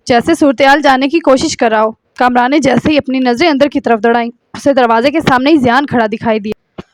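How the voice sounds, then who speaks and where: A woman reads a novel aloud in a steady storytelling manner. Her voice is high. The recording is dry, with no room sound. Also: no echo. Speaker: narrator. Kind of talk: audiobook novel reading.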